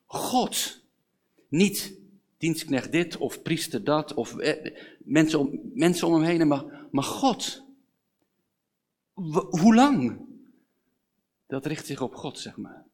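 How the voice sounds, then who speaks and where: A man's voice: mid-range voice, a little mellow. A man giving a sermon, talking informally with fillers and rising into earnest pleading questions. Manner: informal, conversational preaching with fillers and rising pleas. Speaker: pastor.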